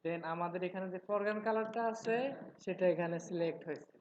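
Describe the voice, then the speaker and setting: A man from Noakhali in Bangladesh with traces of a regional Bangladeshi Bengali accent, teaching a live software class, talking fast and checking in with his students. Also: high-pitched, fairly even intonation. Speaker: software instructor. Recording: roomy, dull lo-fi sound with faint noise.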